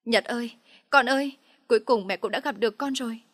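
A woman's voice: on the high side, brisk, no room sound, natural voice. A woman doing a desperate tearful mother. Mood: pleading. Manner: begging, sobbing pleas.

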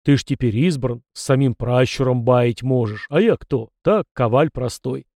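A man voicing a humble, timid village blacksmith in an audiobook, speaking earnestly and loudly. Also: medium pitch, moderate pace, dry recording, clean studio sound, natural voice.

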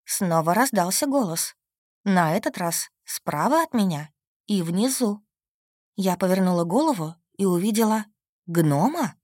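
A woman narrating a fantasy audiobook in the first person with steady, expressive storytelling. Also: medium pitch, unhurried, no room sound, studio quality.

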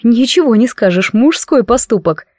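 A woman's voice: a little high, moderate pace, no room sound, studio quality. Wry woman reading an audiobook. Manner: wry, expressive. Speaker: audiobook narrator. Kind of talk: first-person audiobook narration.

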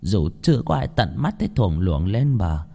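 A man voicing a shrewd, calm female spirit medium who asks measured, thoughtful questions. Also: lowish voice, creaky, heavily acted. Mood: pondering.

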